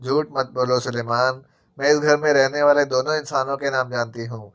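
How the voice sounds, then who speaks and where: A man's voice: medium pitch, fairly even intonation, smooth, natural voice. A male narrator voicing a bloodthirsty female spirit who taunts and scolds. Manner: taunting, sharp.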